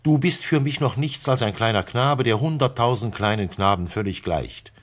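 A man voicing a wise, gentle male fox with a husky voice, speaking in a lively, heartfelt way in a classic radio play. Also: medium pitch, normal speed, voice pushed up, close to an everyday voice. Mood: earnest, coaxing. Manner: lively, pleading, heartfelt delivery.

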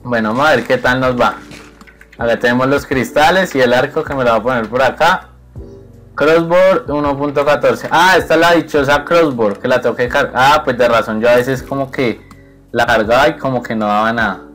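A young man giving excited, playful commentary over his own gameplay, teasing his opponent and laughing often. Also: mid-range voice, moderate pace, faint music behind. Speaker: gaming video creator.

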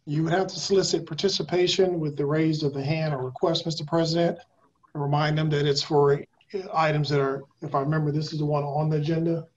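Flat-voiced man advising on procedure. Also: on the high side, a little fast. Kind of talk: procedural advice at a meeting. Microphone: video call. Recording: muffled video call audio.

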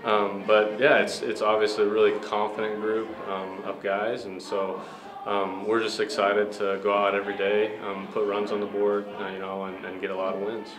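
A young adult baseball player answers post-game questions in a ballpark media room before a sponsor backdrop, upbeat and humble with many fillers. His voice is lowish and level at a moderate pace. The room is echoey, with music playing in the clubhouse behind him.

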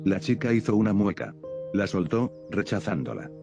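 A man narrating a science fiction audiobook in a measured, even storytelling manner. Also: on the low side, gravelly. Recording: music playing behind the voice.

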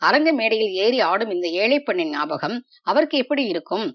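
A woman voicing a proud, wounded young female dancer in a storybook reading, with measured delivery. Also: medium pitch, sing-song, highs cut off. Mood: bitter.

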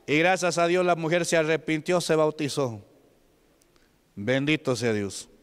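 A man's voice: on the high side, unhurried, smooth. A man with a Peruvian Spanish accent, a deacon preaching a testimony sermon, telling a story and asking the congregation questions. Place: church hall. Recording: long hall reverb.

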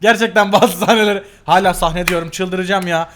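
A man's voice: high voice, steady tone, fairly quick, a bit bright, a little hiss or hum. A man commenting casually on funny game clips as the channel host. He laughs often, exclaims and repeats himself. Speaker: gaming video host.

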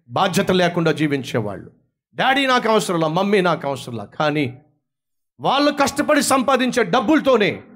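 A man from India preaching a sermon, acting out quarrels between young people and their parents in different voices. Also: high-pitched. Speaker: pastor.

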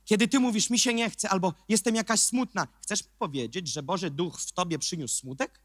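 A man preaching a sermon as pastor, emphatic, swinging from quiet remarks to shouted questions. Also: high-pitched, brisk, dry recording, studio quality.

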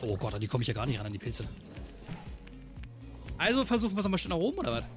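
A man hosting a gaming channel, giving let's play commentary in an animated, joking way and scolding the game's enemies. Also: medium pitch, rapid-fire, over music.

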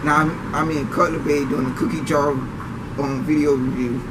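A young man reviewing food in a casual vlog, talking through a face mask in a relaxed, chatty, slightly halting way. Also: a little high, distant mic. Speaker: food vlogger. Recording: from the mic, clear background noise.

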